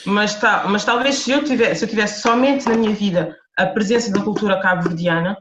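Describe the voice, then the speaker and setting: A woman's voice: mid-range voice, a little fast, a bit bright. A woman from Portugal with a Lisbon accent, an author speaking as a guest in a podcast interview, earnest and reflective, often restarting her sentences. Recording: roomy, dull lo-fi sound.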